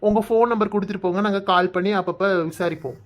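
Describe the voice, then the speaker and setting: A friendly cartoon doctor voiced by a woman in a plain, middle-pitched voice. She talks briskly and politely, dropping English words into her sentences. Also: fairly even intonation, natural voice. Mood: reassuring. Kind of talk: cartoon voice acting.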